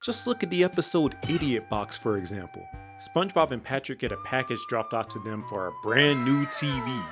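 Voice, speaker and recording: Slangy, animated male cartoon reviewer. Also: mid-range voice, fairly quick, over music. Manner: slangy, joking, ranting. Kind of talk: comedic video commentary.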